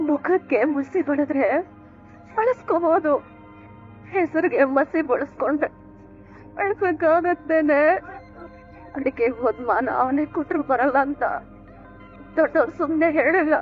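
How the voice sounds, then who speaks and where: A shamed mother pours out her grief in long, anguished laments. Her voice sits very high. The TV serial audio is thin and tinny, with music underneath. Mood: lamenting. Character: grieving middle-aged mother, proud and shamed. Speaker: mother of a son accused of theft. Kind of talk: TV serial acting.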